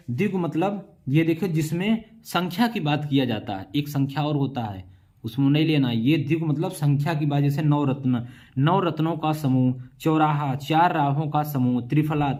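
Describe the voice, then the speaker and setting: A man's voice: fairly high pitch, darkish tone. A male teacher giving an exam-prep lesson in a casual way, answering his own questions in his students' voice and drilling word splits over and over. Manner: talks to students, voices their replies himself; casual, says "yaar" often.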